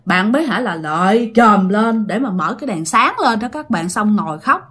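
Animated Southern Vietnamese woman storyteller. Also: medium pitch, moderate pace, slightly rough. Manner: chatty, dramatic, addresses listeners directly. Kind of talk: casual ghost story telling.

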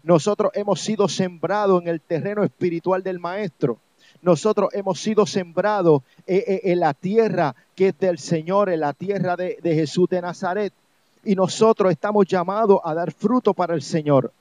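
An evangelist from Puerto Rico preaches a sermon on a religious program, urging listeners on with insistent, repeated phrases in his Puerto Rican accent. His voice is high and a little mellow, at normal speed, and the recording is dull, lo-fi, and dry with no echo.

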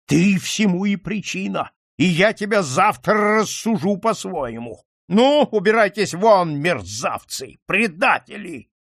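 A hot-tempered old nobleman, as a male audiobook reader puts him on, bellowing gruff rebukes at his son. His voice climbs high and swings wildly, loud and harsh, recorded dry and close. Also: sing-song, unhurried, hardly any pauses, no echo, full character voice. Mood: furious. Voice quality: gruff, shouting.

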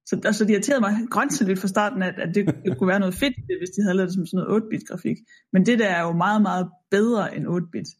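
A man from Denmark co-hosting a film podcast, quickly nitpicking details. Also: high voice. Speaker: podcast co-host. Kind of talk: casual film chat.

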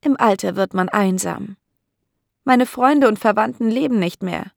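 A woman's voice: mid-range voice, measured pace, vocal fry, dry recording, studio quality, voice pushed up. A woman voicing a lonely, fearful elderly landlady who complains plaintively. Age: older.

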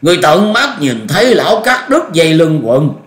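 A man voicing a bitter old male martial master who rages and gloats in a shrill, cackling voice. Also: wildly swooping pitch, slow pace. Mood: raging. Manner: raging, gloating laughter. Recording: echoey room.

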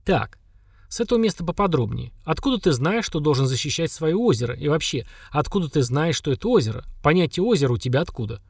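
A man's voice: on the high side, big pitch swings, fast, vocal fry, breathy edge, no room sound, clean studio sound, heavily acted. A man voicing a confident young hero with an ironic, questioning, grumbling manner. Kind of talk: audiobook character voice.

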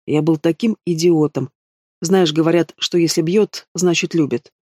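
A man's voice: on the high side, fairly even intonation, moderate pace, a little mellow, dry recording, clean studio sound, lightly acted. A man voicing a cocky, teasing male dragon ruler in an audiobook, self-assured in tone. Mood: pleading.

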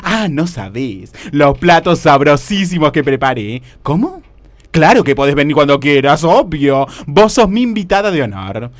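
A man puts on a bossy, gossiping Argentine woman who owns a small restaurant, squawking and melodramatic. The voice is pitched up and leaps wildly between high and low. It sits completely dry in the radio comedy. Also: no room sound. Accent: Rioplatense Argentine. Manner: shrill, nagging, melodramatic, gossipy. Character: brash scolding middle-aged woman restaurant owner.

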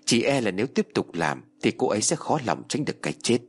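A man voicing an older Buddhist monk who speaks slowly and gravely. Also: fairly low pitch, big pitch swings. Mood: solemn. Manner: slow, solemn, measured.

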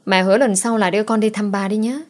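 A woman's voice: mid-range voice, steady tone, fast, natural voice. A woman voicing a sad young girl who pleads tearfully with her mother. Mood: pleading.

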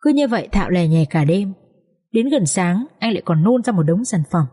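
A woman narrating a dramatic story with steady, expressive reading. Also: lowish voice, a little fast, husky, in a large hall. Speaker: audiobook narrator.

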